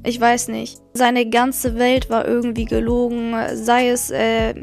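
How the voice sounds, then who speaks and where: Young woman, podcast host, gravelly voice, slightly high, blunt and candid, soft music behind. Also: monotone, unhurried. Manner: candid, blunt, addresses listeners directly. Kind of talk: personal storytelling and advice.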